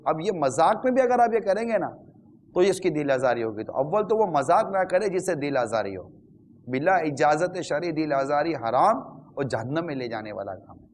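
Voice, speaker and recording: A man's voice: a little high, sing-song. A man giving a religious talk on marriage to viewers, earnest and advising, with pious formulas and quoted asides.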